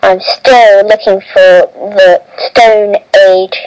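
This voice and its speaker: A woman reads a first-person adventure tale aloud at a slow, deliberate pace. Her delivery is halting, with frequent restarts and self-corrections. Her pitch sits in an ordinary middle range. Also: steady tone, a little mellow, smooth, no room sound, low-quality recording.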